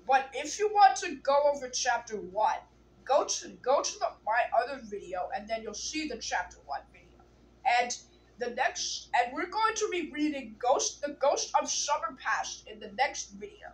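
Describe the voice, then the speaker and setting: A woman reads a children's book aloud in a plain, unhurried way, sometimes restarting a word. Her voice sits a little high. A faint hiss runs under the recording. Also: rough recording. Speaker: storybook reader.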